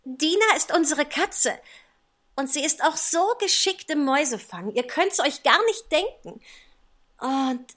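A man's voice: very high-pitched, slow pace, a bit bright, voice pushed up, full character voice. A man voicing a polite, curious and eager little girl in an audiobook reading. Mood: wistful. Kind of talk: audiobook character voice.

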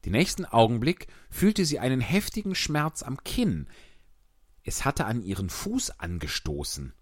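A man reads a children's story aloud with expressive, animated narration. His voice moves a lot in pitch as he tells it. The recording is dry and close, with no room sound. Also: unhurried, slightly rough, no echo. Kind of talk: storybook reading.

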